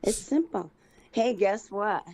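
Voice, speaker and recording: A woman's voice: medium pitch, expressive, slow, a little mellow, no echo. A woman calling in on speakerphone as a guest, chatting eagerly in long, rambling runs of clauses. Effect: speakerphone call. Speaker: phone-in guest. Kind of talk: casual chat. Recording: dull lo-fi speakerphone line.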